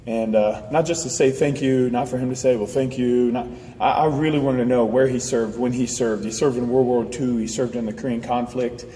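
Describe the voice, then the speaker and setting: Earnest man delivering a passionate monologue, mellow tone, recorded from afar in an echoey space. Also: medium pitch, steady tone. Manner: earnest, halting restarts, builds to emphatic declarations. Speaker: speaker sharing his views. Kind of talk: impassioned personal monologue. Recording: roomy distant mic with faint hiss.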